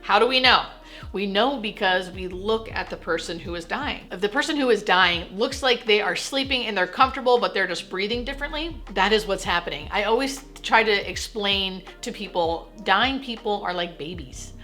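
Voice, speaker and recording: Female educator, nurse presenting to camera, forward bright tone, reassuring and direct delivery over light music. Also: medium pitch, lively intonation, moderate pace. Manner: plain-spoken, reassuring explainer. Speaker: hospice nurse and educational video host. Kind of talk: explanatory talk to camera.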